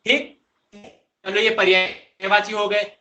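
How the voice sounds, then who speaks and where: Recorded in an echoey room, a young man teaching an online grammar class speaks slowly in a high, bright, forceful voice with a level tone. Coaxing his students and addressing them directly, he keeps posing questions and answering them himself.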